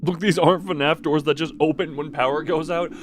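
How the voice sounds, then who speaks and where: This game streamer's voice is on the high side, steady in tone and brisk, with a noisy background. He chats casually through his livestream and reads game text aloud, often fumbling words and correcting himself.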